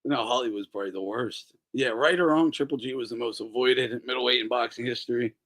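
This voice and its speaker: A man hosting a casual boxing talk show, talking in a profane, animated way, laughing often and mimicking people. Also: mid-range voice, brisk. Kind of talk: casual chat.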